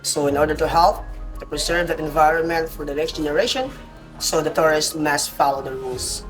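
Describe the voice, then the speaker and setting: A man's voice: fairly high pitch, a little fast, over music, poor audio. A man in his twenties, a tour guide, answering interview questions in simple, slightly broken English. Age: 20s. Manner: simple, non-native English phrasing.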